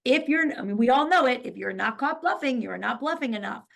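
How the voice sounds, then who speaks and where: Animated woman telling poker stories. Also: fairly high pitch, brisk, creaky. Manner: animated storyteller, acts out quoted dialogue. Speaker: podcast guest, poker pro. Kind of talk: casual interview chat.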